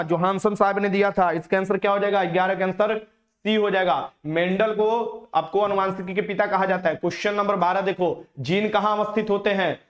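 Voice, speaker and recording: A man teaching a live exam-prep quiz, repeating each question and teasing his students. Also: high voice. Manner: teasing, repeats questions, mixes in English words. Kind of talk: live online quiz lesson.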